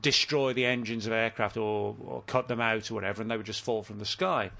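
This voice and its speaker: A man's voice: on the low side, fairly even intonation, a little fast, creaky, sharp tone. A man guesting on a casual talk show, telling a story at length, often stopping to correct himself. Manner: rambling, self-correcting storyteller. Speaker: author guest. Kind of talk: casual podcast conversation.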